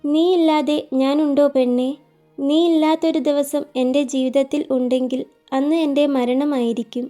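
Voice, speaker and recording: Tender young man in love, soft teasing tone, mellow voice, woman narrator doing him. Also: sits high, fairly even intonation, moderate pace, faint music behind, close to an everyday voice.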